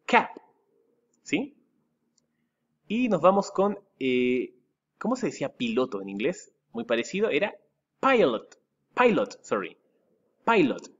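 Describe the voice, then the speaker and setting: Chilean man as a school English teacher, unhurried and animated delivery, muffled lo-fi sound. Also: mid-range voice. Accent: Chilean Spanish. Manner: spells words letter by letter, repeats them slowly with rising stress. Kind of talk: recorded vocabulary lesson for pupils.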